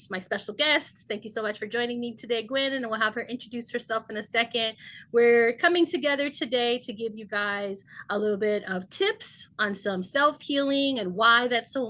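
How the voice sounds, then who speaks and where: A fairly high-voiced woman hosts a live online healing gathering, talking earnestly and often pausing on ums. Her voice comes through a video call. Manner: warm-paced, filler-heavy, earnest. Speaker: host, shamanic healer. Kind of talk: casual online event hosting.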